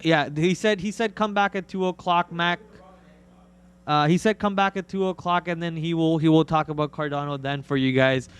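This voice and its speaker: Man, higher-pitched, clear resonant voice, stream host, casual market commentary, slangy banter. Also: fairly even intonation, moderate pace. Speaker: live stream trading host. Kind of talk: casual market commentary, answering viewer questions.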